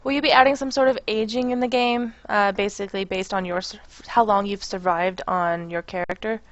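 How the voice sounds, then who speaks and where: A woman's voice: medium pitch, fairly even intonation, brisk, no room sound. Woman interviewer, chatty and casual, mid voice, dry muffled stream audio. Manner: chatty and playful, laughing between questions. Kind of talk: casual interview questions over an online call.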